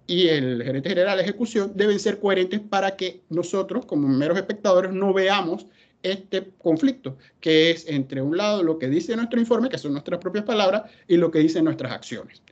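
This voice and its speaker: Man, high voice, emphatic webinar talk, muffled audio. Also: animated, normal speed. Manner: emphatic, asks and answers his own questions. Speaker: webinar speaker. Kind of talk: presentation talk.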